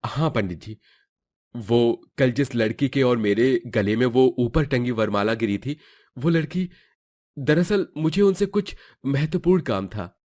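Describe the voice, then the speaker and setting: A polite, lovestruck young man, voiced by a man in a cartoon, courteous and earnest. His voice is slightly husky, at an ordinary male pitch. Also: expressive, unhurried, darkish tone. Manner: courteous, earnest, stammers when nervous. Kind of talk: Hindi cartoon voice acting.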